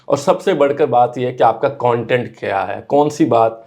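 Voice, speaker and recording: Gravelly-voiced man, earnest. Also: mid-range voice, a little mellow. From Pakistan. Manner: earnest, explanatory, mixes in English phrases. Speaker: guest, radio and TV news anchor. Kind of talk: conversational interview answers.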